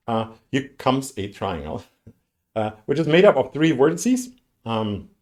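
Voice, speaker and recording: A man with a mid-range, slightly mellow voice gives a university lecture on graphics programming, recorded through a streamed lecture mic. He talks conversationally, with many fillers and restarts and a streak of dry sarcasm.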